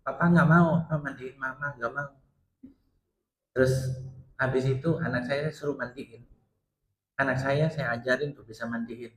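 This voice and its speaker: A man's voice: medium pitch, little pitch movement, normal speed, pauses often, a bit bright. A middle-aged man preaching in a mosque, telling a personal family story with heartfelt, rising emphasis as he acts out the dialogue. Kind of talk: emotional storytelling sermon. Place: mosque hall. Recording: roomy mosque echo.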